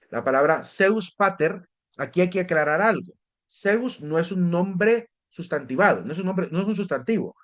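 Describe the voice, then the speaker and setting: A man teaching a theology class, explaining step by step and often checking in with his listeners. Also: sits high. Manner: explanatory, repeats words and restarts, asks "¿verdad?" often. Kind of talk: lecture on theology.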